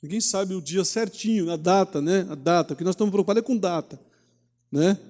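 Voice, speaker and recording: A pastor teaching a Bible study in a conversational preaching manner, often asking rhetorical questions. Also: male voice, high voice, brisk, a little mellow, in a large hall. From Brazil. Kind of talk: sermon teaching.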